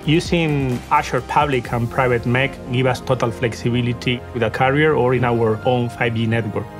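A man's voice: mid-range voice, fairly even intonation, normal speed. Man speaking earnestly over music. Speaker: company executive interviewed in promo. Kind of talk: corporate promo interview. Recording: promo video with music bed.

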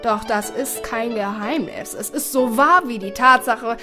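Slow calm old grandpa in a storybook, woman doing him, soft music under it. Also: on the high side. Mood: earnest, resigned. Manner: slow and deliberate, measured. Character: calm older male grandfather, gently firm. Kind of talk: audiobook character voice.

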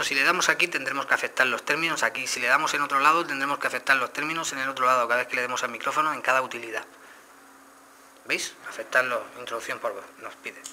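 A man's voice: mid-range voice, bright, forceful tone. A man with a Spain Spanish accent casually demonstrating a phone to viewers, explaining each step. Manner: explanatory, addresses viewers directly. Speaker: phone reviewer. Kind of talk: casual product demo.

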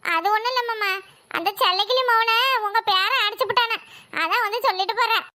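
A nagging, sharp-tongued young village wife from a cartoon, as a woman voices her, with a Kanyakumari Tamil accent. The voice is extremely high and piercingly bright, rattling on fast. It sounds close and dry. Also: no echo. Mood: polite. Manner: nagging, quarrelsome. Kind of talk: cartoon voice acting.

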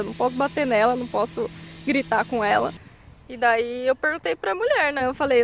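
Brazilian Portuguese woman, young, high-pitched, chatty vlogger; noisy street-side recording. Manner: chatty, animated, frequent tag questions. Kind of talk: casual vlog chat.

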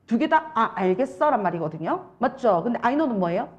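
A young woman with a Busan Gyeongsang accent lecturing an English test-prep class, animated and constantly checking that students follow. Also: fairly high pitch, brisk, muffled recording. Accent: Busan Gyeongsang Korean. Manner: animated, keeps checking understanding with rhetorical questions.

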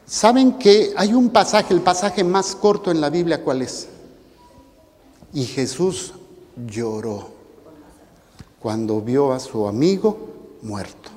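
A Mexican priest preaching a lively, joking homily full of acted quotes. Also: male voice, high voice, in a large hall. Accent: Mexican Spanish. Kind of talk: sermon.

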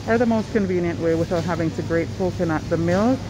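A woman's voice: fairly low pitch, quick pace, background noise. A Jamaican woman vlogging as she shops in a supermarket, chatting and reading out prices while filming on a handheld phone. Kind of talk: casual shopping vlog narration. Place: supermarket aisles, indoors. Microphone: handheld phone camera. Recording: loud store ambience behind her.

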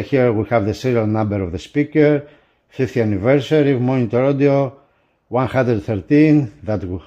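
The audio is dull as a man with a lowish, mellow voice reviews an unboxing for a magazine. He describes what he handles very slowly, in halting, broken phrasing typical of non-native English.

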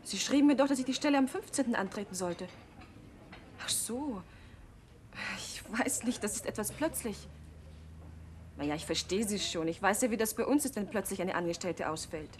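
In a 1960s TV drama, an actress plays a young adult waitress, the innkeeper's daughter, who defiantly speaks out against her father. Her medium-pitched voice moves at normal speed with light acting, on an old TV soundtrack with faint hiss.

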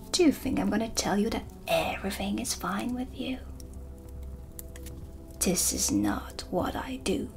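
Still in character as the mysterious tea-reading witch, brooding and blunt, the woman now turns stern and challenging. Her breathy whisper stays at medium pitch, deliberate, ominous and broken by pauses, in a soft-spoken cinematic ASMR style. Ambient music runs underneath the close whisper.

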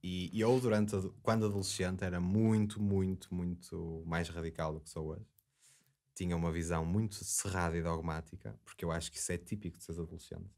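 A man's voice: low-pitched, a little mellow. A man in his thirties with a European Portuguese accent, a podcast guest in casual debate, earnest and digressive with many restarts. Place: small studio with acoustic foam. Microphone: desk mic on boom arm.

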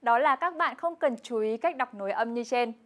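A young woman with a slightly higher voice leads a scripted television language lesson. She explains each grammar point patiently and repeats every example word clearly. Her delivery stays steady and measured. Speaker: Korean language teacher co-host.

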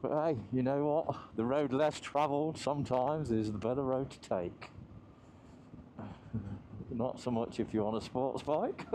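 A man's voice: mid-range voice, dark tone, a little hiss or hum. A man riding a motorbike on mountain roads, chatting casually through a helmet mic, laughing often and swearing easily. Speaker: motorcycle vlogger. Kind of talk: casual ride commentary.

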